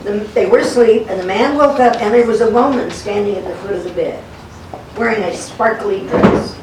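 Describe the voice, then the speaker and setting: Inside a historic log cabin, an older local historian serves as guest speaker, spinning stories in a folksy, chatty way and performing the characters' lines. She speaks at normal speed in a mid-range, slightly mellow voice, with slight background noise, a roomy sound, a distant microphone, and music playing underneath.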